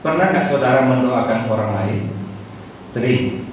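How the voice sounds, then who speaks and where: A man preaching a Sunday sermon as pastor, acting out quoted prayers with lively emphasis. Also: medium pitch, a little slow, a little hiss or hum. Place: church hall. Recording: echoey church hall from far off.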